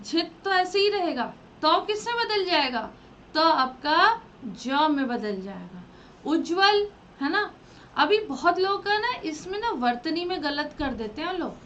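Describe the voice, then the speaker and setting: A woman teaching a grammar lesson, asking her students questions and then answering them herself in a drawn-out, teacherly way. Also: high voice, fairly bright tone, slight background noise. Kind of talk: classroom lesson explaining rules.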